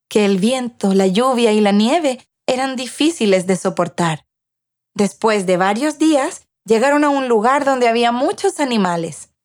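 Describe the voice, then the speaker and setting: A woman reading a children's tale aloud as storyteller, measured and clear. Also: fairly high pitch. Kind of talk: scripted narration of a children's tale.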